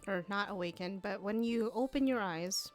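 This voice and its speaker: A woman game master narrating a tabletop role-playing scene, halting with frequent fillers. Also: mid-range voice, soft background music. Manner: slow, halting, many fillers.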